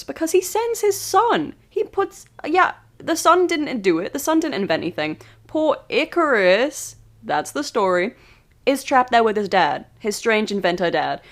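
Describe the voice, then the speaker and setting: A woman's voice: on the high side, fairly bright tone. A woman casually retelling an old myth as a birthday podcast, rambling with giggly asides. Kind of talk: casual storytelling monologue.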